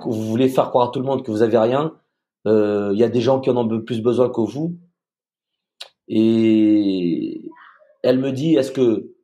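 Guy from madagascar telling his story, stumbles and repeats a lot, low warm tone. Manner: halting, repeats words, quotes others in dialogue. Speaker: podcast guest. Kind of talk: emotional personal storytelling.

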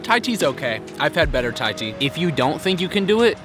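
His voice fairly high and very animated, a young man talks fairly quickly over background music. He's vlogging casually in a city park, addressing the camera with crude bluntness, heavy swearing and self-mockery.

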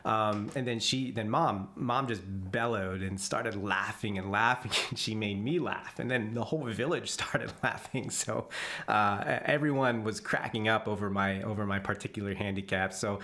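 A man tells his jungle memories as a relaxed voice-over, with a voice sitting a little low. He chuckles as he goes and often trips and restarts mid-sentence. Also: normal speed. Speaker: vlogger telling jungle memories. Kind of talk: casual storytelling voice-over. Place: voice-over, not recorded in the jungle.

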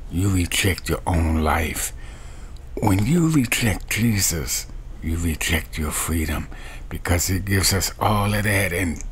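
A middle-aged man preaching a webcam sermon from a small bedroom, with a slow, repetitive preaching cadence. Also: low-pitched, slight background noise. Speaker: street preacher.

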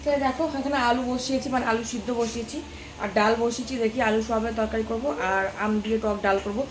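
A chatty woman talks straight to her viewers as she goes about housework at home. Her voice sits fairly high. A noisy household hum runs under the recording. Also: steady tone, very fast. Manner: chatty, addresses viewers directly. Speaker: vlogger, housewife. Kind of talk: casual home vlog talk to viewers. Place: home, kitchen and bathroom.

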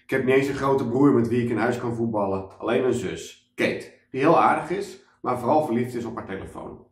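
A man, a children's author, reading a children's story aloud as a lively storyteller. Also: mid-range voice, a little fast. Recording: echoey room, mic at a distance.

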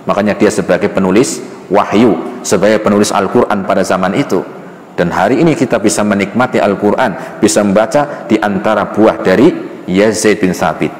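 A male preacher gives a storytelling sermon in a low voice, acting out the dialogue in a folksy way. He keeps dropping a casual "ya" between phrases. The sound is recorded in a roomy mosque hall with a long, ringing reverb. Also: moderate pace, darkish tone. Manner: folksy, acts out dialogue, frequent "ya" fillers.

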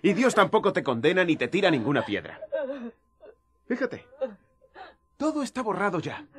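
An actor playing a passionate, plainspoken young Jesus who defends the poor in a Latin American radio drama. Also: male voice, high-pitched, wildly swooping pitch, normal speed. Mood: gentle, consoling. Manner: challenging, pointed rhetorical questioning.

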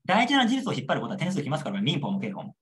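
A man's voice: mid-range voice, wildly swooping pitch, rapid-fire. A young man lecturing on a model exam answer, repeating key points and checking understanding with rhetorical questions.

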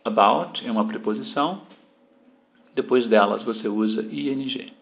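A Brazilian man teaching English pronunciation, slowly repeating words for the learner. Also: medium pitch, gravelly, lo-fi sound. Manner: slow, deliberate, repeating words to model pronunciation. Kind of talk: language lesson explaining pronunciation.

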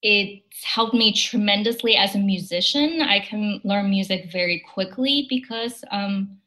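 A woman's voice: medium pitch, measured pace, pushed and bright, poor audio. A young woman from China, an opera singer, talking casually in an interview over a video call, thoughtful and dotted with fillers. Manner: thoughtful, with frequent fillers and light laughs.

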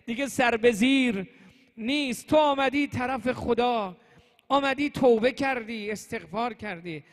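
A man's voice: extremely high pitch, voice pushed up. A man voicing a noble, merciful leader who solemnly reassures a penitent. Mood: solemn consoling. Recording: long hall reverb.

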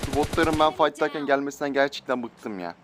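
Excitable young man doing gameplay commentary. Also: fairly high pitch, a little fast, background noise. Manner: excitable, joking, talks to enemies in game. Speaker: gaming YouTuber.

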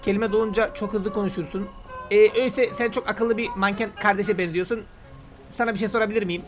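A man talking excitedly and casually while he plays a game and comments on it. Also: sits high, fast, over music. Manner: chatty, excitable, slangy banter. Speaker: gaming YouTuber. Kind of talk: let's play commentary.

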